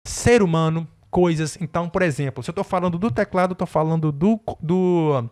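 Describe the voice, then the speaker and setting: A man's voice: fairly high pitch, moderate pace, darkish tone. A man from Brazil with a Brazilian Portuguese accent, teaching an English lesson online in a casual, chatty way, often checking in with his viewers and spelling words out. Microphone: desk microphone.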